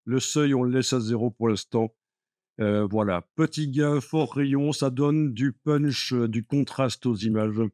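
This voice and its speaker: A man's voice: mid-range voice, unhurried, darkish tone, no echo, clean studio sound. A man teaching a live Photoshop class, explaining steps patiently with many fillers like "euh" and "voilà". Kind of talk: live classroom software lesson.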